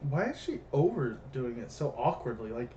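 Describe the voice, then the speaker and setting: A man's voice: medium pitch, big pitch swings, normal speed, warm tone, a little hiss or hum. A young man co-hosting a casual movie commentary, rambling, correcting himself and apologizing as he goes. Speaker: podcast co-host. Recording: roomy, dull lo-fi sound.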